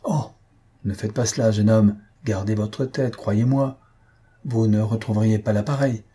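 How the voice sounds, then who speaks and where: Guy doing a sly teasing man in a storybook, fake-polite and ironic, mellow husky voice. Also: on the low side, steady tone, measured pace. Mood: mocking. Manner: ironic, mock-grand politeness. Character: mocking, teasing middle-aged man at the lodge.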